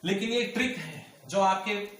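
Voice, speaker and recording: High-voiced man teaching in an echoey room. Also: a little slow, a bit bright, recorded from a distance. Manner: patient and repetitive, drawing out example words. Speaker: English teacher. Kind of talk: whiteboard lesson explaining step by step. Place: classroom with a whiteboard.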